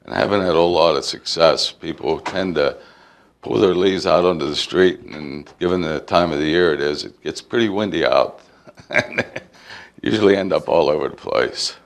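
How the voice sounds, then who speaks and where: A man's voice: a bass voice, moderate pace. A man speaking as a municipal official, answering residents' questions at a council meeting in a matter-of-fact way.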